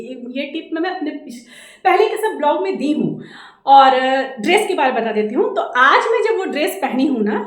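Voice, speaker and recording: Loud, fast-talking high-voiced woman. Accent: Jharkhand Hindi. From India. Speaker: vlogger. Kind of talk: casual home vlog talk. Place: indoors at home. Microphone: camera mic without a separate microphone. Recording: echoey room, voice from camera distance.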